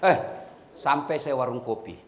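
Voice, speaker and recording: A man's voice: medium pitch, moderate pace, slight background noise. A middle-aged man with a Makassar accent giving a humorous sermon, telling stories and addressing his listeners directly as "Pak". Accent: Makassar Indonesian. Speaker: preacher.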